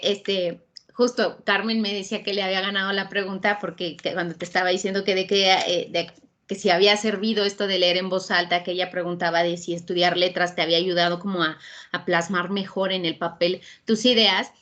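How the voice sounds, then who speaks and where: A woman with a Mexican accent interviews a guest over a video call, circling her point as she thinks aloud. Her mid-pitched voice comes through dull, lo-fi video call audio. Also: a bit bright. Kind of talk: conversational interview questions.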